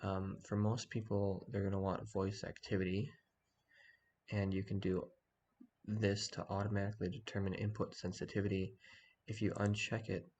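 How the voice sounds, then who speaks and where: A man talking quietly in the early morning so as not to wake anyone, giving a casual screen-share walkthrough. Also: on the low side, level tone, normal speed, a little hiss or hum. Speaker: online community organizer giving a tutorial.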